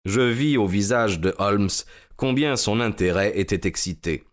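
An actor narrating a detective case as the detective's male companion, in a measured storytelling way. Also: on the low side, lightly acted. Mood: calm. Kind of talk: scripted narration.

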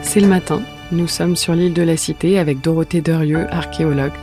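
A man narrating a documentary report in a clear, measured voice. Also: on the high side, fairly even intonation, music in the background. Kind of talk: scripted narration.

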